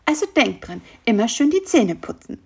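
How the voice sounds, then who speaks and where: A woman's voice: fairly high pitch, big pitch swings, moderate pace, husky, pitched above the performer's own voice, full character voice. A woman voicing a cheeky, gloating little male fly in a perky, smug tone.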